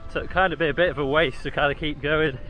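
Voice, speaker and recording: Jogging outdoors, a vlogger chats to viewers fast, with a fairly high, fairly even and sharp voice.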